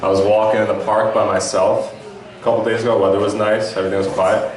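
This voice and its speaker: A young man doing a stand-up set with a laid-back, halting delivery full of fillers. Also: lowish voice, little pitch movement. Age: young adult. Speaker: stand-up comic. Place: club stage. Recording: echoey room from far off.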